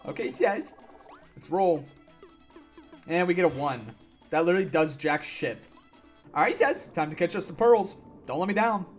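A young man giving gameplay commentary, ranting and yelling at the game in frustration. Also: on the high side, moderate pace, faint music behind. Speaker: gaming YouTuber.

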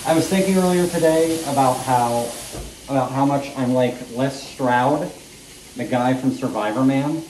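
This home cooking vlogger has a darkish, mid-range voice and speaks a little slowly, narrating casually as he cooks in his small kitchen with plenty of rambling and self-deprecation. Recorded by a camera set up across the room, the sound is echoey, with faint frying sizzling behind him.

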